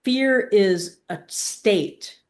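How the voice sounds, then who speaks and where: Speaking at a medium pitch, a woman directs a spiritual teaching session. Her delivery is deliberate and stop-start, with weighty pauses and questions meant to lead her audience.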